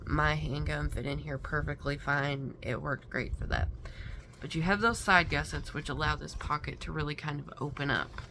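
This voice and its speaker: A woman's voice: sits low, gravelly, bright, forceful tone, slight background noise. A woman, showing products in a chatty, folksy haul video. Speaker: vlogger.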